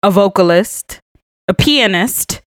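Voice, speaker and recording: A woman co-hosting a podcast in casual chat, talking in an animated and emphatic way. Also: medium pitch, slow, no echo, studio quality. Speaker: podcast co-host.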